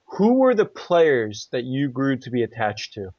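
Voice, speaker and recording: A man's voice: mid-range voice, sing-song, dry recording. A man co-hosting a podcast who asks questions and cracks dry jokes in casual chat. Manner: joking, quick-witted interviewer. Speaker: podcast co-host. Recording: dry, muffled lo-fi audio.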